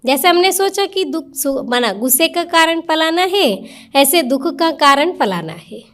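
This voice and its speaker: A woman's voice: sits high, expressive, unhurried, a bit bright. A woman giving an interactive spiritual talk to a live audience in a meditation centre hall, questioning people directly in a coaxing, conversational way.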